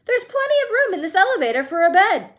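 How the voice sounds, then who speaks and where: A woman voicing an excitable, eccentric male candy-maker in a storybook reading, brisk and theatrical. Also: high-pitched.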